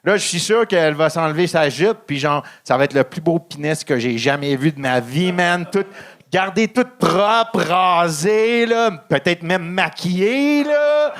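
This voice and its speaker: An English-speaking Quebecer with a high voice performs a stand-up set in French, his first language being English. He speaks haltingly with lots of ums and delivers deadpan dark jokes.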